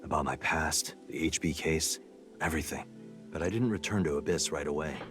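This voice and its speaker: An actor playing a serious special agent in a game, speaking in an earnest, grave manner. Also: male voice, rumbling low, a little fast. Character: serious male special agent recounting his investigation. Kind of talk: scripted game acting. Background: music.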